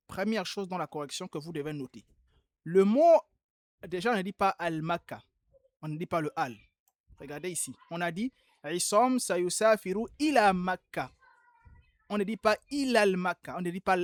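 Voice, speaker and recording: A man's voice: high voice, no room sound, clean studio sound. Patient man correcting homework aloud. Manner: patient, repeats key points emphatically. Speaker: Arabic teacher. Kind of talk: online class, correcting homework.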